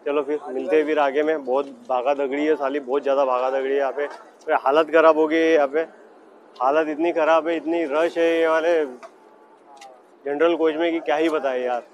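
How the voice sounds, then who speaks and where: A young man vlogging a train journey, talking loudly and excitedly to his viewers about the crowded coach. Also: a little high, moderate pace, highs cut off. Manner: excited, loud, chatty, addresses viewers as guys. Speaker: travel vlogger. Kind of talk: casual running commentary. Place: crowded general coach of a train and station platforms. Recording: crowded train noise behind. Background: chatter of a packed crowd.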